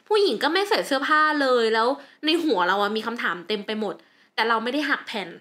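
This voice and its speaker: Woman, casual chat co-host, quick animated storyteller, slightly high voice.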